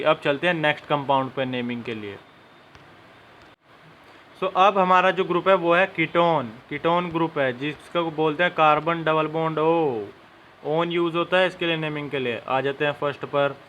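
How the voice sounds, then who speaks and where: Young guy teaching chem step by step, talks straight to the students, bright ringing voice, faint noise behind. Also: on the high side. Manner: explains step by step, addresses students directly. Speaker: chemistry teacher. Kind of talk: classroom-style lesson.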